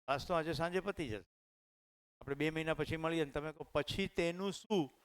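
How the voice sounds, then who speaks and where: A man's voice: fairly high pitch, moderate pace, smooth. A middle-aged man with a Gujarati accent, telling personal stories in a conversational way to a room of teachers at a training session. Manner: conversational, anecdotal, addresses audience directly. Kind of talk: storytelling talk to teachers. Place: training hall with live audience.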